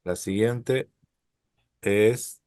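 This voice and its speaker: A middle-aged man teaching a live online Hebrew lesson, explaining letters slowly and patiently and often checking with "¿sí?". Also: lowish voice, darkish tone, clean tone, no echo, clean studio sound.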